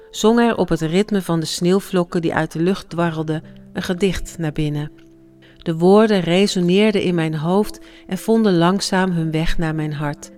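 A grieving parent reading a scripted memoir in a slow, hushed and reflective way, with a smooth, resonant voice over faint music. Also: mid-range voice.

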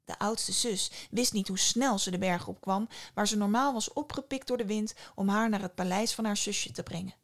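A woman's voice: mid-range voice, moderate pace, few pauses. A woman reading a myth aloud as storyteller, in scripted narration with wry asides.

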